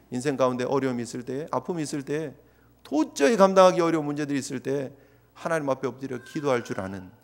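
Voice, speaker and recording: A man's voice: on the high side, creaky. A male pastor preaching a fervent sermon, urging his congregation and acting out prayers along the way. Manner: fervent, exhorting, voices prayers as asides. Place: church sanctuary. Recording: long reverb of a church hall.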